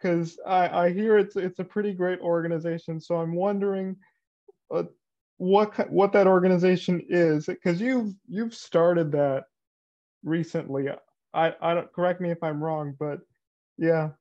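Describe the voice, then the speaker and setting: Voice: medium pitch, steady tone, warm tone. An interviewer asking casual questions, often hesitating and using fillers. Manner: halting, filler-heavy questioning. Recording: dull lo-fi recording.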